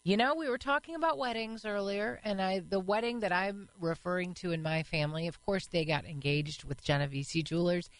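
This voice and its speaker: A woman's voice: on the low side, no room sound, rough recording. A woman co-hosting a radio show, chatting with callers in an upbeat way and reading ads. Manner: upbeat, quick to cheer callers. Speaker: radio co-host. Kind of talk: casual radio chat and live read.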